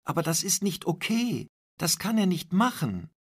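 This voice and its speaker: A man voicing an upset teenage schoolgirl, flustered and indignant, with a gravelly, husky voice. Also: fairly low pitch, very animated, takes it slowly, no room sound, studio quality, exaggerated voice.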